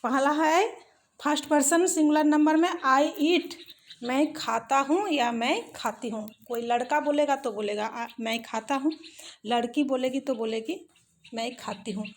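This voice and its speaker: A woman teaching English grammar in a patient lesson, spelling out example sentences slowly word by word. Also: sits high. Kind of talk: slow explanatory lesson.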